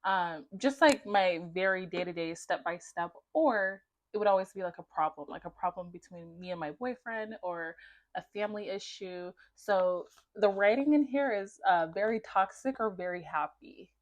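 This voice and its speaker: A woman's voice: medium pitch, moderate pace, muffled recording. Young woman, vlogger. Mid-range voice, chatty journal read-aloud with wry, self-mocking commentary. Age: young adult. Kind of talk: casual chat to viewers, reading own journal aloud.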